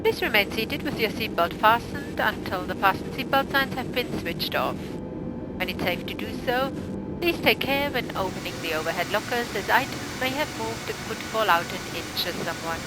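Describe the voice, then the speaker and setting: A polite female flight attendant played by a woman delivers a scripted airline announcement. Her delivery is formal and measured at a middle pitch. Loud aircraft cabin noise runs all through the recording. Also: natural voice. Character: courteous female airline cabin crew member. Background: loud steady aircraft drone.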